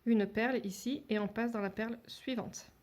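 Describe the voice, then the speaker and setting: A woman's voice: a little high, steady tone, moderate pace, a little mellow. A woman giving a step-by-step beading tutorial, talking hesitantly with many fillers and restarts, and dropping to a near whisper while she counts beads. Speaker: beading instructor.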